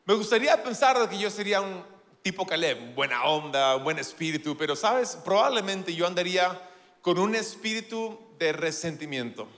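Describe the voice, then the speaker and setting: A man preaching a sermon in an animated, playful way, with self-deprecating humor. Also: sits high, moderate pace, long reverb tail.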